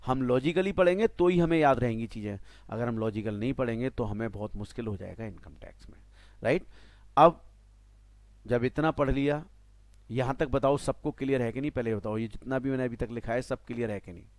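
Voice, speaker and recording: A man in his forties with an Indian accent, giving a tax lecture to a class, animated and mixing in English terms while checking that students follow. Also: medium pitch, a little fast, no room sound. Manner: animated, mixes Hindi and English, asks students "clear?". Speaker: tax teacher.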